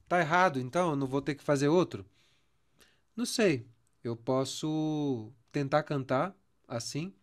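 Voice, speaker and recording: A man with a Brazilian Portuguese accent teaching a songwriting lesson, counting syllables aloud and stretching words as he goes. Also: medium pitch. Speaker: music teacher.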